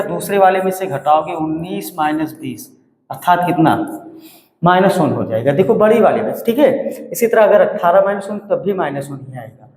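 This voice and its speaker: A fairly high-voiced male maths teacher works through a problem step by step, asking questions and answering them himself. His voice bounces around a bare room with a long, ringing reverb. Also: darkish tone, slight background noise. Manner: asks and answers his own questions, repeats numbers. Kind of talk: classroom maths lesson.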